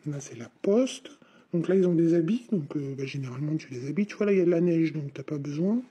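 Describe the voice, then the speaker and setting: A woman's voice: sits low, animated, fast, dark tone, husky. A woman's synthetic text-to-speech voice, chatting informally and in a rambling way through a casual unboxing vlog. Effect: synthetic voice replacing the speaker's own. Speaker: craft vlogger.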